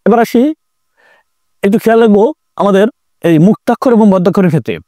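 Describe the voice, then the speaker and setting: High-voiced man teaching grammar. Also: mellow, dry recording, studio quality. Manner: repetitive, explanatory, drawn-out emphasis. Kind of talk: online grammar lesson.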